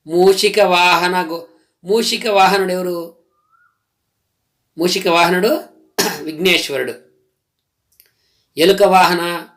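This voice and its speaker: A man gives a slow, careful grammar lesson with a slightly high voice. He names each word on its own, then stops to explain what it means. His tone stays patient and steady from start to finish. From Telugu-speaking region of India. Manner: lists words one by one, explaining each patiently. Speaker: Telugu grammar teacher.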